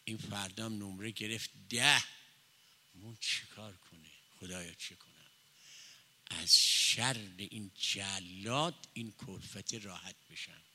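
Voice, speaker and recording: Bright-voiced male preacher in a hall. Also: lowish voice. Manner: storytelling with conversational asides to the listeners. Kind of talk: sermon. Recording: long hall reverb.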